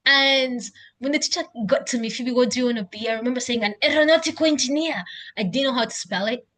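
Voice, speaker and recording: Her voice high, quick, and fairly bright in tone, a young Kenyan-accented video diarist talks casually to her laptop at home near a couch, thinking aloud in an unscripted, self-encouraging entry.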